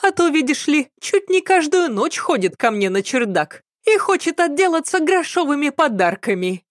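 A woman doing a shrill nasal young maidservant. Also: very animated, moderate pace, no echo, studio quality. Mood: indignant. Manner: sharp, quarrelsome retorts.

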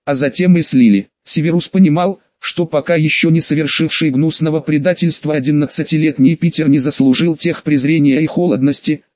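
Male audiobook narrator with a slightly high voice, measured delivery, dry muffled recording. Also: a little mellow, no room sound.

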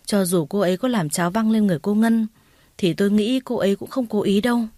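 A gentle, polite woman from a storybook who speaks up calmly and reasonably, as the narrator voices her. Mid-pitched and close, with a dry sound. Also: fast, no echo, natural voice. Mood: pleading calmly. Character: calm, kind woman defending the teacher.

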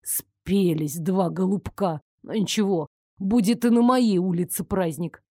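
A woman's voice: mid-range voice, measured pace, warm tone, no echo, studio quality, lightly acted. A woman reading the part of a brash, teasing young investigator who grumbles when crossed, in an audiobook. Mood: grumbling. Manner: drawling, sulky grumbling.

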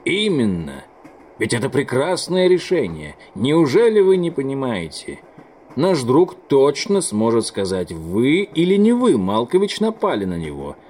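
A man voicing a smug, measured elderly doctor in an audiobook. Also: mid-range voice, wildly swooping pitch, a little mellow. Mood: calm. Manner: measured, coaxing. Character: older male doctor, calm, reasoning, smug.

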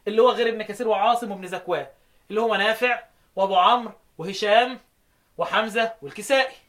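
A high-pitched man with a fairly bright tone teaches recitation readings in an Egyptian Arabic accent. He answers his own questions and chants verses at a slow pace.

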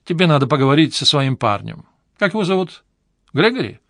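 A man's voice: fairly high pitch, very animated, brisk, a bit bright, dry recording, studio quality. A man putting on a brassy flirtatious showgirl. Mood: bossy. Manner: gushing, teasing, theatrical. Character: flamboyant, flirtatious showbiz woman, brassy. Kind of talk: audiobook character voice.

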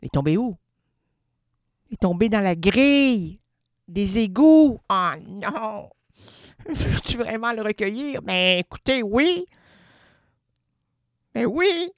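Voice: slow pace, pauses often, no echo, clean studio sound. A radio columnist with a Québécois accent delivering an absurd comic monologue, rambling, stopping mid-word and playing with words. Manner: rambling, self-interrupting, playing with words and sounds; swings between high excited bursts and low murmurs.

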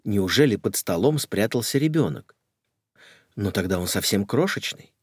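A man's voice: lowish voice, lively intonation, normal speed, husky, dry recording, clean studio sound. A man narrating a first-person comic audiobook in a wry, ironic storytelling manner.

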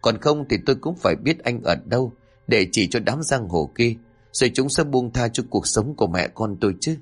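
A man's voice: mid-range voice, lively intonation, moderate pace, breathy edge. A man voicing a hesitant young mother who stammers and pleads. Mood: anxious.

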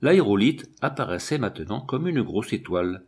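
A man's voice: on the low side, normal speed, slightly rough. Man narrating a novel expressively. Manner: expressive storytelling reading. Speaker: audiobook narrator. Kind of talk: first-person scripted narration of a novel.

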